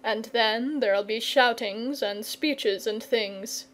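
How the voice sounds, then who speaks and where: A woman's voice: fairly high pitch, slow pace, fairly bright tone. A woman voicing a confident, patient knight in a storybook, earnest, courteous and persuasive. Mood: matter-of-fact. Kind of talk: storybook character reading.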